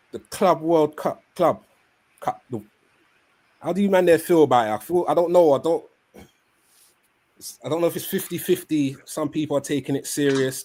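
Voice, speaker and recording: A man's voice: medium pitch, a little mellow. London roadman host, slangy and casual. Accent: London roadman, Multicultural London English. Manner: street slang with repeated tag questions. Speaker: podcast host. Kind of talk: casual slangy football chat.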